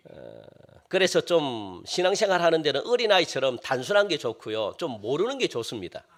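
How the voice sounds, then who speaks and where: A man preaching a sermon as pastor, with lively swings between loud exclamations and quiet asides. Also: on the high side, fairly quick.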